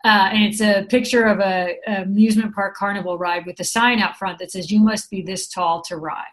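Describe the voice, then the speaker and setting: A middle-aged program director from San Francisco, USA, answers interview questions in a chatty, upbeat way and explains things with examples. Her voice is mid-range and brisk, with fairly even intonation.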